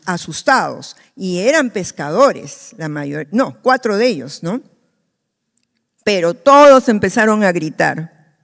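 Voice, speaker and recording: A woman pastor with a Peruvian accent preaching a sermon in a church, acting out the worried cries of believers. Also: medium pitch. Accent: Peruvian Spanish. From Peru. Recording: long church hall reverb.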